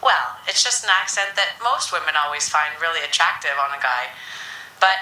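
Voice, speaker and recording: A man's voice: a little high, animated, moderate pace, pushed and bright, roomy sound, pitched above the performer's own voice, rough recording. A man playing a giggly, flirtatious woman calling in to a radio show. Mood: flirty. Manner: giggly, teasing.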